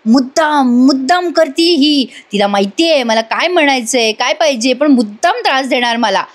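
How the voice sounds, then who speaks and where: A woman's voice: high-pitched, animated, normal speed. A woman voicing an irritated, impatient young businessman who grumbles and pleads. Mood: grumbling. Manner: impatient, pleading through gritted teeth.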